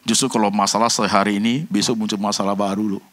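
A man preaching a sermon, addressing the congregation directly and swinging between loud high bursts and low quiet passages, dropping in English phrases. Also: level tone, rapid-fire. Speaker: pastor.

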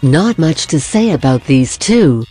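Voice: mid-range voice, sing-song, unhurried, mellow, breathy edge, faint music behind. A narrator reading a scripted voice-over for a drawing video, with dry, self-deprecating humor.

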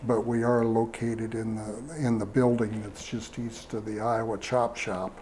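A man, speaking slowly with many fillers and restarts as a fair superintendent in a studio interview. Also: lowish voice, level tone, a little mellow, slight background noise. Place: small TV studio. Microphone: lapel mic.

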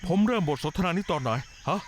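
A man's voice: sits high, expressive, fast, slight background noise. A touchy, argumentative man. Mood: indignant. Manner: indignant, quarrelsome. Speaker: dubbing actor. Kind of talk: Thai dub of a TV drama.

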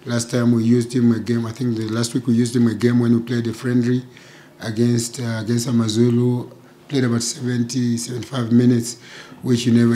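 A middle-aged man, a football coach answering questions at a post-match press conference, speaking in a measured way with many "you know" fillers into table microphones. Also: medium pitch, warm tone, a little hiss or hum. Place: press conference room with sponsor backdrop. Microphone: table microphones in front.

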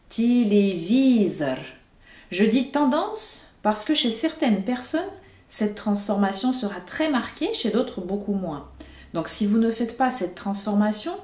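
A woman teacher giving a scripted pronunciation lesson, with clear and emphatic explanations. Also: medium pitch, dark tone, reverberant. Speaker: Russian language teacher.

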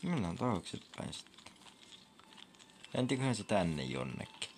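A man's voice: fairly low pitch, big pitch swings, slight background noise. A young man giving casual commentary over his gameplay, chatty and reacting with sudden whoops and squeals. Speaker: gaming vlogger. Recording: faint game music behind.

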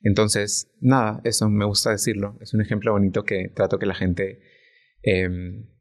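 Un hombre invitado a un pódcast que habla de forma sincera y reflexiva, y que busca a menudo la confirmación de su interlocutora. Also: male voice, on the low side, level tone, normal speed. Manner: earnest, reflective, often checks in with "¿no?". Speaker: podcast guest. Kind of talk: casual podcast conversation.

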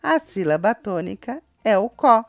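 A Brazilian woman teaching a children's grammar lesson, calling out example words in a drawn-out, sing-song voice. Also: medium pitch, big pitch swings, creaky, no echo, clean studio sound, faint music behind. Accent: Brazilian Portuguese.

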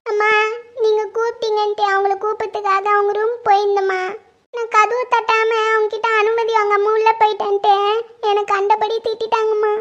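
Timid maid figure, voiced by a young performer, very high pitch, bright, humble, pleading. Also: flat delivery, brisk, muffled recording. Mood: tearful. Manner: submissive, pleading, respectful. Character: meek adult housemaid, timid and tearful. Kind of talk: family drama skit.

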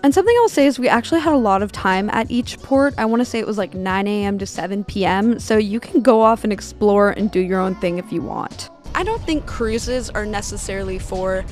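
A young woman talks through her travel vlog in a relaxed, candid way, sprinkling in fillers as she goes. Her pitch sits at an ordinary middle height. Soft music plays faintly underneath her voice. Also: brisk, few pauses. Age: young adult. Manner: chatty, candid, filler-heavy ("like", "you know"). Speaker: travel vlogger. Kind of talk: casual travel vlog narration. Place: cabana day bed on a beach, outdoors.

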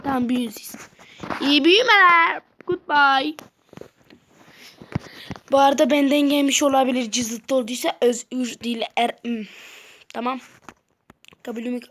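A woman's voice: on the high side, darkish tone. A woman giving casual, rambling let's-play commentary and chatting to her viewers while she plays. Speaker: gamer. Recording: noisy home mic with clicks.

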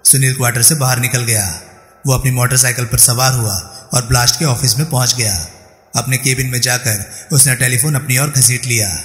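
A man narrating a crime thriller audiobook in a steady storytelling manner. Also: mid-range voice, a little fast. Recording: roomy reverberant room, faint music.

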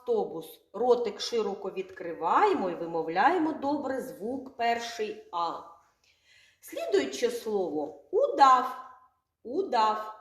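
A woman teaching young children their first letter sounds, stretching words out slowly and asking the class questions. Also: on the high side, big pitch swings. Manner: slow, drawn-out sounds, asks children questions. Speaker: kindergarten teacher. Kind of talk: literacy lesson for young children. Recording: echoey room, from far off.

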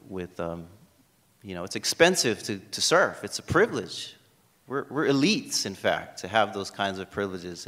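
A man's voice: on the low side, a bit bright. A middle-aged man from Hawaii with a Hawaiian accent, giving a conference lecture at a podium with plenty of ums and uhs. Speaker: history professor giving a talk. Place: university lecture hall at a podium. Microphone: podium microphone. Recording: reverberant lecture hall.

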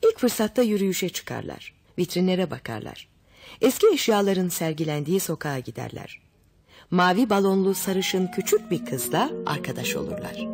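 A woman's voice: lowish voice, very animated, moderate pace, breathy edge, faint music behind. A woman narrating a children's story summary and speaking directly to listeners. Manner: warm direct address to listeners. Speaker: audiobook narrator.

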